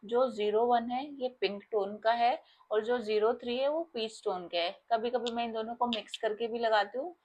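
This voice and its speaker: A woman's voice: fairly high pitch, moderate pace, a little mellow, muffled recording. A young Indian woman, a makeup artist, talking casually and explaining her products step by step to viewers.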